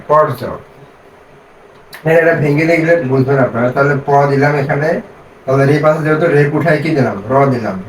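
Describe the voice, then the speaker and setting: A man teaching reading. He spells out syllables slowly, then asks the class questions and answers them himself. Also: a little high, slight background noise. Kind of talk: step-by-step reading lesson. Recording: echoey room, mic set far off.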